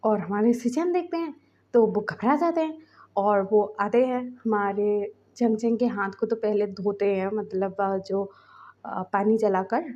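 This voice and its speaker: A woman's voice: medium pitch, measured pace, darkish tone, lo-fi sound. A woman narrating a fan fiction story in a chatty, rambling storytelling way.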